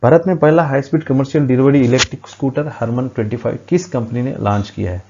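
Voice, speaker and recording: A man's voice: mid-range voice, quick pace, darkish tone, lo-fi sound, a little hiss or hum. Man teaching quiz answers at a board. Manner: explains at a board, frequent hesitations. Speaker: current affairs teacher. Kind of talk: exam-prep quiz lesson.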